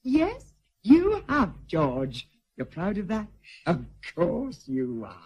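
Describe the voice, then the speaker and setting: A woman's voice: on the low side, huge pitch swings, slow, a little mellow, breathy edge, full character voice. An actress in a radio drama playing a vain, coarse, boozy aristocratic lady with a gushing, blowsy manner. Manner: gushing, blowsy, swinging from grand to vulgar.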